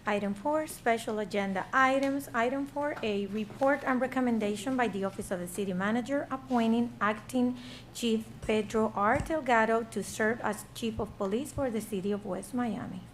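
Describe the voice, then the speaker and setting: A woman's voice: fairly high pitch, normal speed, rough recording. A woman speaking as a city clerk, formally reading out meeting business over a meeting room microphone. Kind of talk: formal reading of roll call and agenda. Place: indoor public meeting room. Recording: meeting room mic with clear background noise.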